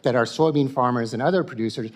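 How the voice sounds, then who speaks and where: Insistent man testifying, medium pitch. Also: fast. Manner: insistent, defensive, argumentative. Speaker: witness testifying at a hearing. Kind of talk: formal testimony under questioning.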